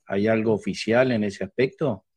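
A man's voice: fairly low pitch, steady tone, moderate pace, darkish tone, breathy edge, dry recording. A man co-hosting an interview, asking polite, formal questions. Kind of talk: conversational interview.

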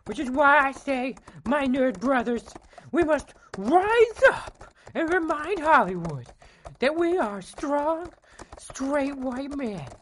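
Guy putting on a squeaky whiny nerd dude, loud and ranting all over the place. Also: slight background noise, heavily acted. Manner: shrill melodramatic ranting. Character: whiny outraged male nerd fanboy.

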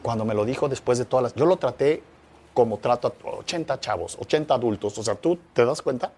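A man, a magician guest in an interview, telling anecdotes with lively swings between excitement and quiet reflection. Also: mid-range voice, brisk, breathy edge. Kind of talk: animated storytelling in interview.

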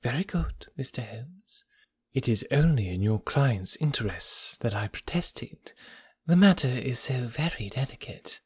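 A man voicing a smug, oily gentleman blackmailer in a soft, breathy, half-whispered purr, silky and mocking. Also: medium pitch, animated, a little slow, no room sound, voice pushed up. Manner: silky and mocking, lingering on words. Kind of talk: audiobook character reading.

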